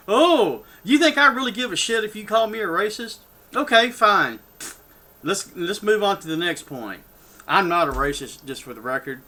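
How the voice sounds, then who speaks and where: On his own channel, a Texas-born political vlogger, an older man, goes on an improvised and heated rant that rambles, restarts often, and wanders into asides. He speaks fairly high with a sharp edge.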